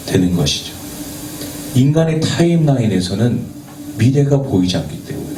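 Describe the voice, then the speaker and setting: Guy youth pastor giving a sermon, mic kinda far off, roomy echo, faint hiss behind. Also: lowish voice. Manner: earnest preaching with rhetorical questions to the youth; stumbles over words and jokes about it. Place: church worship space. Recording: echoey, from a distance, faint background noise.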